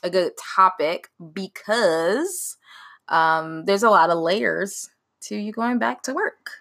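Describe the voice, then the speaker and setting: A woman's voice: mid-range voice, takes it slowly, gravelly, fairly bright tone. A woman hosting a casual podcast, laughing and teasing while steering the talk back on topic. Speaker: podcast host.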